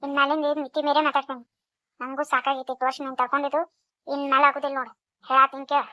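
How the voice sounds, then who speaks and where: A woman voicing a defiant, sharp-tongued middle-aged village wife in a cartoon, with a North Karnataka Kannada accent. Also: high voice, flat delivery, very fast, dry recording, close to an everyday voice. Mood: scolding. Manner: defiant, scolding. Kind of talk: cartoon voice acting. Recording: dull lo-fi recording.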